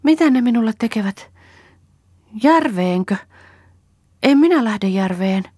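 A woman reading an audiobook, voicing a young woman gone mad in the forest, talking in frantic, excited bursts. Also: a little high, slightly rough, no room sound, clean studio sound, voice pushed up.

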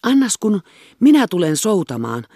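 A woman's voice: medium pitch, big pitch swings, mellow, dry recording, clean studio sound, pitched above the performer's own voice. A woman reading aloud the lines of a dreamy, hot-tempered schoolboy who makes eager suggestions.

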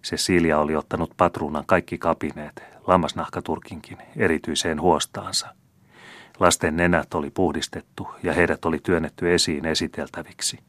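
Brief: male audiobook narrator, very deep voice, steady measured reading, dry close sound. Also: no echo. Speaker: audiobook reader. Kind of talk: scripted narration.

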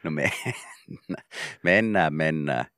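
Deep, lively-voiced male radio host. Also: no echo, studio quality. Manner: agreeable, chimes in with short asides. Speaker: radio morning show host. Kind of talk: casual radio banter.

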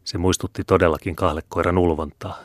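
A man reading an audiobook in a steady, measured narrating voice. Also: low voice, no room sound, clean studio sound. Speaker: audiobook reader.

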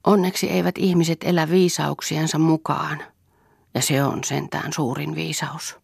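Lady reading a thoughtful young orphan girl, soft and earnest, kinda husky. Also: low voice, level tone, no echo, clean studio sound, heavily acted. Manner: soft, earnest, slightly raised voice.

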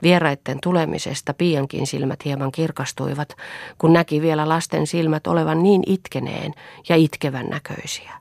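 A woman reading an audiobook as a calm storyteller, in scripted narration. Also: deep voice, vocal fry, no echo. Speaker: audiobook reader.

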